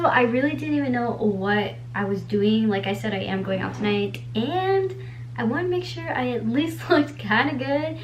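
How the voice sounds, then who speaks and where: This young beauty vlogger in her twenties, a native Spanish speaker, talks casually at home as she does her makeup, peppering her rambling with "like" and an occasional curse. Her voice is fairly high, and there's a little hiss or hum on the recording.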